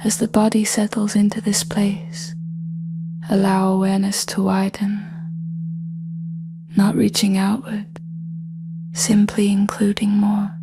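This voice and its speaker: Speaking in a hushed, breathy, soft manner, a woman leads a scripted guided body scan using brief phrases and lengthy pauses. Her mid-range voice stays monotone, and background noise is audible.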